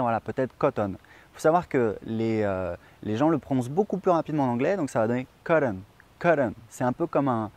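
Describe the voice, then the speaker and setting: A young man whose first language is French gives a casual online pronunciation lesson, chatting with many fillers and saying example words slowly to demonstrate. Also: mid-range voice, darkish tone. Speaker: English teacher.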